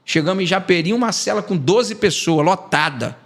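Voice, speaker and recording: A Brazilian evangelist, a man with a high-sitting voice, tells an emotional testimony on a podcast at a moderate pace. He's a guest, and his storytelling is animated as he acts out the quoted dialogue.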